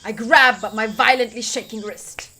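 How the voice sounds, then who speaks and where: Reading visual novel narration on stream, this young woman takes her time, her voice sitting on the high side. She's expressive and relaxed, dropping in offhand comments as she goes.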